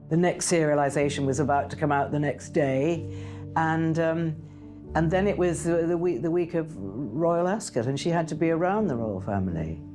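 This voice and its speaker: Woman recalling events, hesitant. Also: low-pitched. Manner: conversational, hesitant with fillers and restarts. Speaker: interviewee, royal commentator. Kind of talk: documentary interview recollection.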